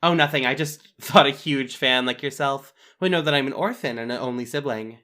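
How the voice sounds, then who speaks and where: An actress playing a cool, suspicious superhero who is dry and passive-aggressive. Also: female voice, a bass voice, fairly quick, fairly bright tone. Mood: sarcastic. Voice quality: dry, sarcastic. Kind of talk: audio drama acting.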